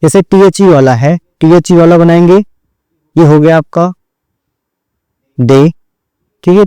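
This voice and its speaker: A man's voice: fairly high pitch, warm tone, smooth, dry recording, low-quality recording. A man teaching an online shorthand lesson, explaining each step and repeating "theek hai" after every point as he addresses his students directly. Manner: drills points over and over.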